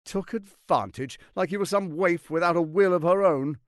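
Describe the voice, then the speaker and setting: An actor voicing Enver Gortash, a scheming, grandiose tyrant archduke in a video game, with a theatrical, articulate and condescending way of speaking. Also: male voice, high voice, moderate pace, dry recording, clean studio sound, lightly acted. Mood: cold, reproachful.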